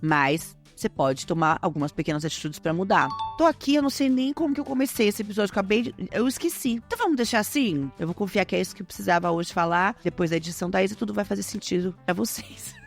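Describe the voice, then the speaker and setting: A woman with a Brazilian Portuguese accent hosting a podcast, talking casually and lively to her listeners. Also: mid-range voice, fast talker, faint music behind. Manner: chatty, lively, addresses listeners as gente. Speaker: podcast host.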